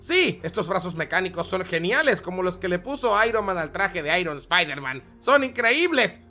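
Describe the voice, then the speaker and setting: A man's voice: sits high, big pitch swings, moderate pace, sharp tone, soft background music. A man hosting a gameplay video, chatty and dramatic, talking to viewers and crying out at the action on screen. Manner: chatty, dramatic, talks to viewers and cries out at the game. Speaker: gaming channel host. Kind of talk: excited let's-play commentary.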